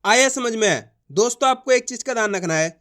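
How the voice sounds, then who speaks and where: A man's voice: very high voice, animated, a bit bright. Patient man sounding out syllables. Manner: slow, drawn-out syllable-by-syllable sounding out; repeats patterns and checks if students understand. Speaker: Hindi reading teacher. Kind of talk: online reading lesson.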